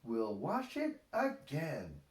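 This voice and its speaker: A man voicing a gentle, reassuring mother pig from a children's storybook. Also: mid-range voice, huge pitch swings, takes it slowly, recorded from a distance. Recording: echoey, roomy sound.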